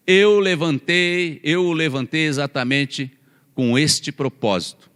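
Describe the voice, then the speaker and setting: A male pastor giving a sermon in a church with a long, ringing reverb. He talks in a conversational way and keeps asking his listeners questions. His voice sits at an ordinary middle pitch, and he drops in a laugh or a joke now and then. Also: fairly bright tone. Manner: conversational, asks the congregation questions.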